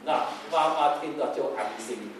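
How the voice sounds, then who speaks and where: A man preaching a sermon as pastor, lively and animated, acting out family members in quoted voices. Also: on the high side, normal speed. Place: church hall. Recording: very echoey hall, mic far off, faint noise.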